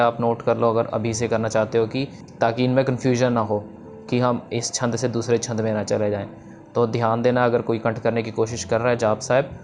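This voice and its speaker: A man teaching the structure of Sikh scripture verses in a casual, explanatory way, pausing on fillers and mixing in English terms. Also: mid-range voice, a little mellow, a little hiss or hum.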